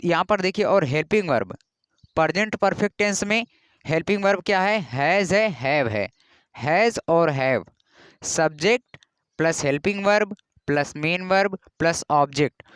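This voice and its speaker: A man from India teaches English grammar in a high, clear, smooth, slightly bright voice with lively intonation and moderate pace. He patiently repeats each rule and spells words letter by letter, and the sound is dry and close with no room echo.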